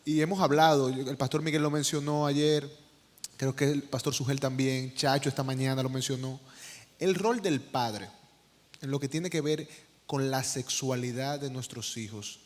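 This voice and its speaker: A man's voice: mid-range voice, normal speed. A man moderating a panel discussion, posing questions to the panelists. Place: large conference hall. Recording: reverberant hall.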